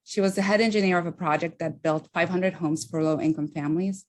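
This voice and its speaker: A woman from Honduras with a lowish voice delivers a prepared speech as an immigration attorney. She speaks earnestly and at a measured pace, slowing down to stress key moments. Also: steady tone.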